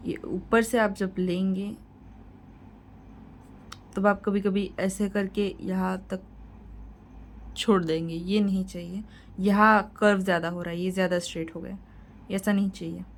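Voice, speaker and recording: A woman's voice: mid-range voice, little pitch movement, measured pace, pauses often, a little hiss or hum, low-quality recording. Woman teaching step by step. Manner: instructive, repeats points, reassuring. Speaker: shorthand teacher. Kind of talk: tutorial lesson.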